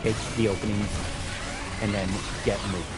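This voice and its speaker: A man's voice: lowish voice, little pitch movement, normal speed, over loud music. A man streaming a video game live, casually explaining its mechanics as he plays. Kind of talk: casual live gameplay commentary.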